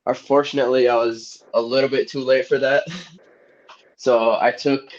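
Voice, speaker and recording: A man's voice: mid-range voice, flat delivery, normal speed. A young man from Egypt, a soccer player guest, talking easily and laughing often in a casual podcast interview. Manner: easygoing, laughs often, rambling. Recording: dull lo-fi audio.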